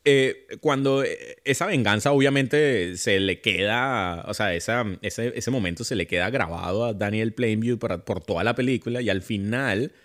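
A man's voice: lowish voice, moderate pace, hardly any pauses, fairly bright tone. A man talking casually about a film, rambling with many restarts and fillers.

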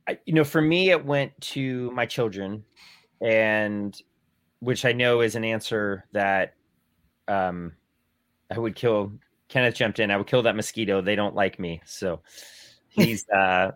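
A man's voice: lowish voice, fairly bright tone, dry recording. A man in his forties, talking in a casual discussion with rambling, self-deprecating speech and frequent restarts.

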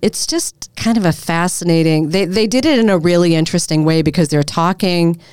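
A woman with a low, smooth voice talks through local news in a relaxed, chatty way. Her sound is close and dry, with no room around it. She explains at length and laughs easily. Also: a little fast, dry recording. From Boston area. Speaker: reporter and co-host. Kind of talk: casual news chat.

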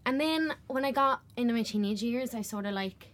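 In an interview, a young actress from West Belfast, Northern Ireland, chats casually and effusively in her local accent. Her voice is fairly high and fairly bright, her delivery brisk, and she repeats words for emphasis.

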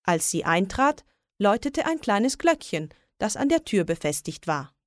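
A woman reading a children's story aloud in a slow, lilting storybook way. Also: mid-range voice, very animated, no room sound, studio quality.

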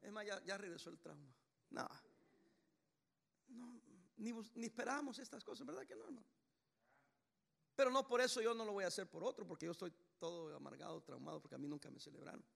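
A middle-aged man preaching a sermon as pastor, in an animated way that brings his stories to life. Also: sits high, fast talker, vocal fry. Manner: animated, acts out voices in storytelling.

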